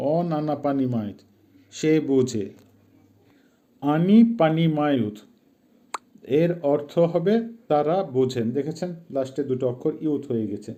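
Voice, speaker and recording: Man teaching words with slow repeats. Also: medium pitch, warm tone. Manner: repeats each word slowly for drill. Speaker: language teacher. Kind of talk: step-by-step language lesson.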